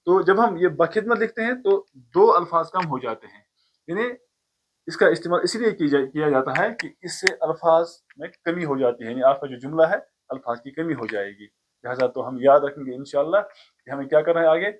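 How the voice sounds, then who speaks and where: A male teacher with a somewhat high voice delivers a pronunciation lesson. He explains patiently and step by step, counting words aloud as he goes. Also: normal speed. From Kashmir. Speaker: language teacher.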